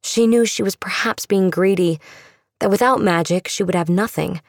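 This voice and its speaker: A woman's voice: medium pitch, moderate pace, dry recording, clean studio sound. A woman reading a scripted, dramatic fiction narration as an audiobook narrator.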